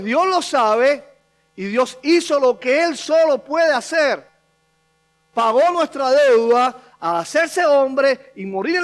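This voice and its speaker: A male pastor preaching a sermon, emphatic and repeating key phrases for stress. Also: very high-pitched.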